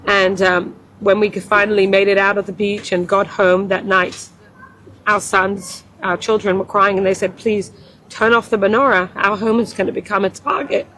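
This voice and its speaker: A woman's voice: medium pitch, level tone, normal speed, a bit bright, a little hiss or hum, low-quality recording. A woman, speaking earnestly and with passion as an interview guest who runs a community center. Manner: earnest and impassioned, rising when quoting others. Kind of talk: emotional interview testimony.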